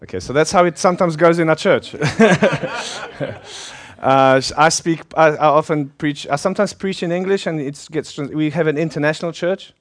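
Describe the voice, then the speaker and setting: A middle-aged pastor, Polish by birth but from South Africa with a South African accent, preaches informally in a chatty, self-deprecating way and laughs often. His slightly high voice stays steady at a normal speed.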